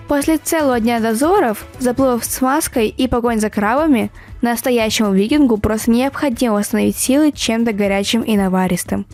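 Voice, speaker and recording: A woman's voice: on the high side, a little mellow. A woman reading a scripted travel vlog voice-over in a playful, storybook-like way. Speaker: travel vlogger. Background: faint music.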